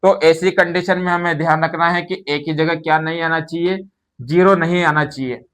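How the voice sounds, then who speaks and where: A man explains a maths lesson patiently. His voice sits a little higher than most men's. He keeps asking questions and then answers them himself, as if speaking to a class. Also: steady tone, normal speed, fairly bright tone. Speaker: maths teacher.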